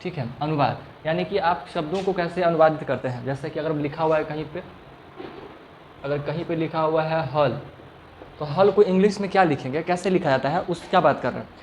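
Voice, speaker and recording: A man with a slightly high voice teaches a grammar lesson in class at a fairly quick pace. He keeps repeating the same question, stretches out sounds to show them, and checks understanding often. The recording carries a little hiss or hum.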